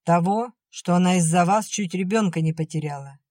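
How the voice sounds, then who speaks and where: A stern older sister with a sharp, scolding tongue, read by a woman. She talks curtly and irritably. Her voice is low and dry, close to the mic. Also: moderate pace, no echo, natural voice.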